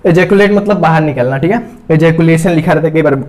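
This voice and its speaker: Speaking fast in a fairly high, somewhat mellow voice, this man draws a diagram while teaching biology. Each term gets repeated, and "theek hai" comes up constantly as he checks on his students.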